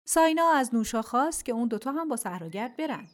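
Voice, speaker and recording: Gentle woman narrating a children's story. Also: on the high side, animated. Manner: gentle, intimate, softly spoken. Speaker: storyteller host.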